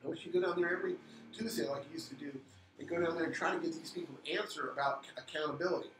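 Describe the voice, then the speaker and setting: Man, fast and fired up, a little high-pitched, echoey room with faint noise. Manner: fast, heated, repeats words, sarcastic. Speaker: co-host of a local civic live stream. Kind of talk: impassioned casual talk.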